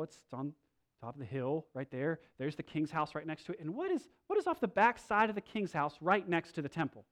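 A Bible teacher giving a lesson in an animated way, asking rhetorical questions and swinging between loud emphasis and quiet asides. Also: mid-range voice.

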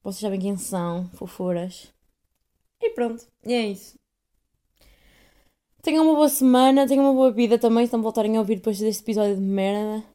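Her voice runs on the high side with a dark tone, brisk but broken by frequent pauses. She's a twenty-something European Portuguese-accented woman hosting a solo podcast, rambling casually, self-deprecating, and full of fillers.

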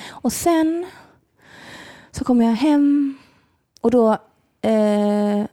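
Chatty woman telling a dating story. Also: a little high. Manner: animated storytelling, laughs often. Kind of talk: casual chat.

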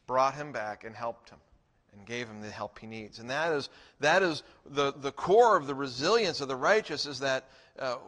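A man's voice: mid-range voice, pushed and bright, big-room sound. A middle-aged man preaching a sermon as pastor, in a conversational way with frequent restarts.

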